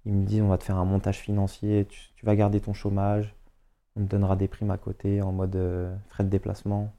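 A young man with a Paris suburbs accent, a footballer chatting as a podcast guest, slangy and animated as he acts out what people said. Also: on the low side, a little fast. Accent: Parisian suburbs French. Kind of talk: casual storytelling chat.

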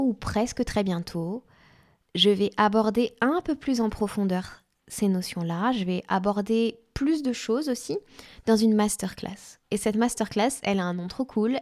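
A woman's voice: medium pitch, unhurried, a little mellow. A woman life coach talking in an enthusiastic, chatty podcast monologue with spiritual wording.

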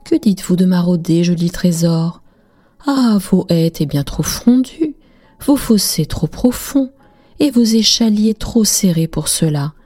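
A woman's voice: on the low side, animated, a little slow, warm tone. A woman voicing a sly, tearful mother goat in a storybook tale, pleading and wheedling.

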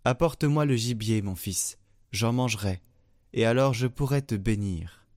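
A man reading the lines of an old blind patriarch in a slow, measured way. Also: mid-range voice, a little mellow, dry recording, close to an everyday voice. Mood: solemn. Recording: dry, faint music behind.

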